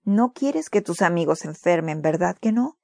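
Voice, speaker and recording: A woman voicing a caring mother who talks softly and slowly. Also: on the low side, expressive, no room sound, studio quality. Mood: compassionate. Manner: soft, slow, compassionate. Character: caring mother, gentle and sensible.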